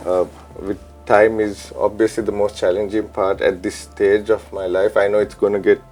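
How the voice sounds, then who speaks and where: A man in his thirties from Sri Lanka, a chef and DJ, answering interview questions in a relaxed, reflective way with many ums and uhs, on a lapel mic in a studio. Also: on the low side, normal speed, faint music behind. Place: studio set with pink backdrop.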